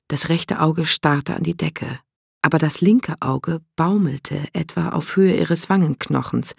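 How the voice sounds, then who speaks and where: A man narrating an audiobook in a measured, dramatic storytelling manner. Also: on the high side, gravelly, breathy edge, no echo, studio quality.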